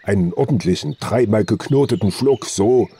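A man voicing a gruff old forest hunter. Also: fairly low pitch, moderate pace, warm tone, a little hiss or hum, pitched above the performer's own voice, natural voice. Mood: hearty. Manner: folksy, earthy storytelling speech. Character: old male forest hunter, gruff but good-natured. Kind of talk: audiobook character reading.

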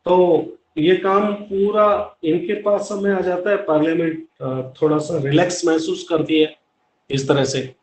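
A man's voice: sits high, fairly even intonation, measured pace, a little mellow. Middle-aged male teacher, echoey room. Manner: explanatory, mixes English terms into Hindi, addresses students directly. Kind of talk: online class lecture. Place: small room at home with plain wall, indoors. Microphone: laptop webcam at close range. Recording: echoey room with faint background hiss.

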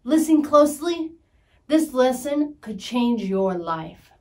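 A woman reading a scripted Bible story for children in a measured, emphatic way. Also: high-pitched, very animated, very noisy.

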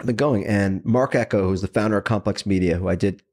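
A man, a company CEO, telling his career story as a podcast guest, quick and animated, acting out the voices of people he quotes. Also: fairly low pitch.

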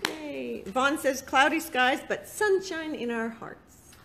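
A woman's voice: high-pitched, takes it slowly, vocal fry, reverberant. A woman helping run the session, chiming in with brief, cheerful remarks. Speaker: program staff co-host. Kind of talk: casual chat. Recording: loud background noise with clicks.

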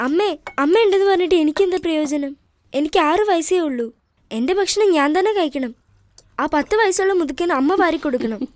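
A woman's voice: very high-pitched, animated, brisk, darkish tone, no room sound, studio quality. A woman dubbing a film role: a cheeky, tearful six-year-old child with a childish, pleading way of talking. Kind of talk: film dub.

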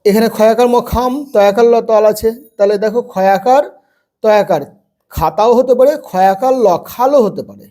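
High-voiced man spelling words for children. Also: mellow. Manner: spells words letter by letter, then says them slowly and drawn out. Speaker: teacher. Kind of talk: slow spelling lesson for young children.

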